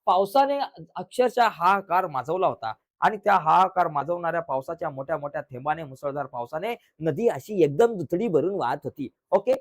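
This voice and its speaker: A man teaching an exam revision lesson in a Marathi accent, telling a story dramatically with sound effects and cries, then giving calm writing instructions. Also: fairly high pitch.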